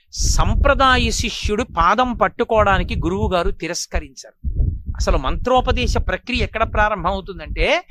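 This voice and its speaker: A man giving a devotional discourse, asking rhetorical questions and answering them himself, and chanting verses slowly. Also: high-pitched, a bit bright, low-quality recording. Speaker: religious discourse speaker.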